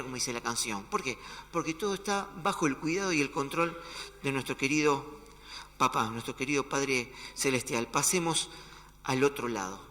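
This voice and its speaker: An Argentine man with a Rioplatense accent preaching a sermon in a long-reverb church hall. His voice is bright and forceful, pitched a little high, and he slips into quoted dialogue with hushed, dramatic asides. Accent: Rioplatense Spanish. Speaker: pastor.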